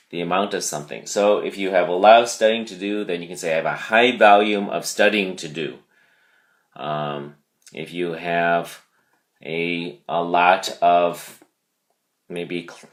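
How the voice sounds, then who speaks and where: Man, teacher, low voice, very slow, deliberate, repeats words for emphasis. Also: fairly bright tone. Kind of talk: vocabulary lesson.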